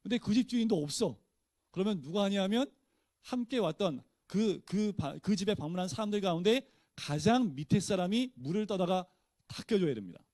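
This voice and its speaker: A man's voice: high-pitched, a little mellow, no room sound. A male pastor teaching a Bible study in a casual, conversational way, often posing questions to his listeners and answering them himself.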